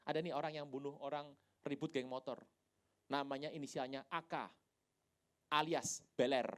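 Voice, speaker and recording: A woman pastor with an Indonesian accent giving a lively sermon in a large church, acting out Bible scenes with whispers and sudden shouts. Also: very deep voice. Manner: animated storytelling, quick voice changes, whispers and shouts.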